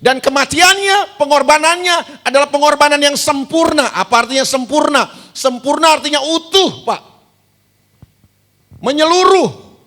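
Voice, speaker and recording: A male pastor delivers a sermon in a very high, bright, forceful voice. He asks his listeners question after question, answers them himself and hammers key words home through repetition. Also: expressive, moderate pace. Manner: repeats key words with emphasis.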